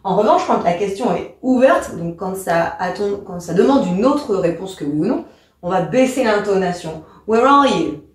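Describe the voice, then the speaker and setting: A woman's voice: medium pitch, expressive, normal speed, a little mellow, distant mic. A woman teacher giving a lesson, patient and step-by-step. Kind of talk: explanatory lesson. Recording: very echoey room.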